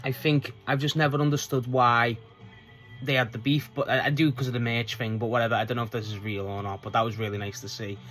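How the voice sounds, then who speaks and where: Man, bright edgy voice, casual vlog review, loose and sweary. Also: mid-range voice, little pitch movement, quick pace, soft background music. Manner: chatty, swears freely, retells scenes in quotes. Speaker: wrestling show reviewer.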